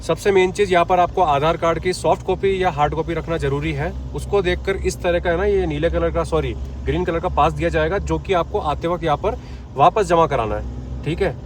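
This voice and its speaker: An eager male travel vlogger narrates from inside a car, chatty and keyed up. His voice sits slightly high and he is a bit out of breath from the altitude. A faint drone of the vehicle runs underneath. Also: brisk, slight background noise. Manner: excited, chatty, addresses viewers as friends. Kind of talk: travel vlog narration while driving. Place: inside a car on a mountain road.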